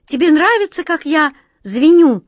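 A woman voicing a playful, childlike wind spirit who teases in a high, ringing, singsong voice. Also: sing-song, a little slow, no echo, clean studio sound.

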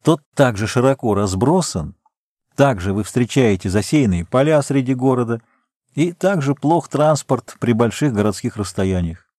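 A man reading aloud, voicing a calm, learned middle-aged geologist who explains things in a measured way. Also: mid-range voice, no room sound, studio quality, close to an everyday voice.

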